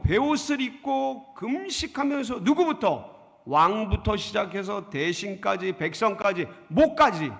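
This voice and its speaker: A middle-aged male pastor preaching a sermon, asking the congregation questions and answering them himself, dramatic and expressive. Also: gravelly. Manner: dramatic, acts out emotions with sudden pitch jumps. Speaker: senior pastor. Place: church sanctuary. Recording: church sanctuary with long reverb.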